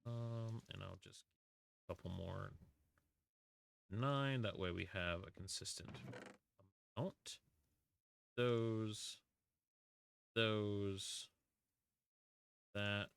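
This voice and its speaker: A man streams a block-building game, chatting with viewers, greeting them warmly and poking fun at himself. He talks extremely slowly with long pauses, in a lowish, creaky voice that still sounds clean.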